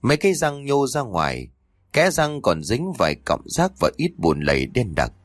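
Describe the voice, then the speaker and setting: Expressive male audiobook narrator, dry sound. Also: medium pitch, normal speed, no room sound. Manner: expressive, voices the characters' cries and quarrels.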